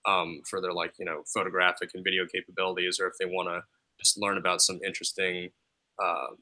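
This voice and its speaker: A man's voice: low voice, pushed and bright, low-quality recording. A man, a teacher who runs a student help desk, talking casually and loosely with many fillers. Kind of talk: casual discussion.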